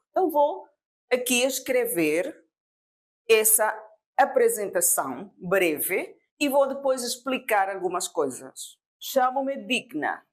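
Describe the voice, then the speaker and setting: Slow, lively Venezuelan woman teaching. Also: mid-range voice. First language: Spanish. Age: 50s. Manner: slow, deliberate explaining with repeated examples. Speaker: Portuguese teacher. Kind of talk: classroom lesson.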